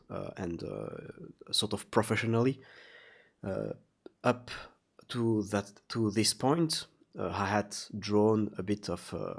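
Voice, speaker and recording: In a relaxed, confessional vlog, this artist talks in a low voice roughened by a slightly sore throat, pausing and groping for the right words as he goes.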